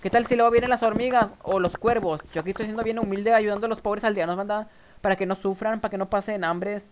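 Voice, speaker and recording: Chatty northern mexican guy streaming a game, kinda high voice, rambles and giggles nervously. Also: steady tone, fast talker, background noise. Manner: chatty, rambling, addresses viewers often. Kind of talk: casual live game commentary.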